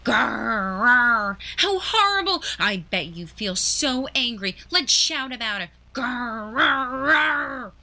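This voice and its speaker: Woman playing a grumpy, growling storybook bear, loud and bright-toned. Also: on the high side, big pitch swings, takes it slowly, heavily acted. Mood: growly.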